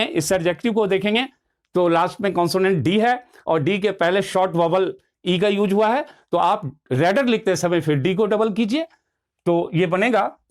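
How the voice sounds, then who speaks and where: A man teaching a grammar lesson, explaining patiently and slowing down to spell out words. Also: sits high.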